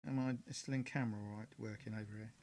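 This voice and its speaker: This model railway hobbyist hosts a live-streamed crafting demo, talking fast in a lowish, fairly even voice. His chatter wanders, packed with fillers and corrections of himself.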